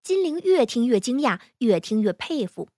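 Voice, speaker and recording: A woman reading fan fiction aloud in a smooth, even storytelling manner. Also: fairly high pitch, normal speed, no echo, studio quality.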